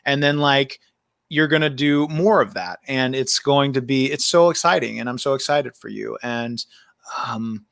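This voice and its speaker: Rambling filmmaker host, dry sound. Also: male voice, medium pitch, moderate pace, gravelly, fairly bright tone, dry recording. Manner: rambling, many fillers and restarts. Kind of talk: casual livestream chat.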